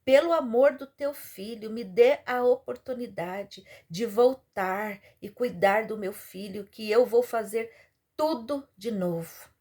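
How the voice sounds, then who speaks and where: A grieving mother, acted by a woman preacher cries out to God with her voice pitched high and straining. She pleads tearfully, begging for one more chance to care for her child. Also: animated, takes it slowly, slightly rough, full character voice. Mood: pleading.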